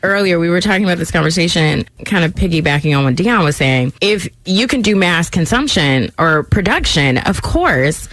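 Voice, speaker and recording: A woman speaking as a guest on a radio panel, relaxed and conversational. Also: lowish voice, moderate pace, hardly any pauses, no echo.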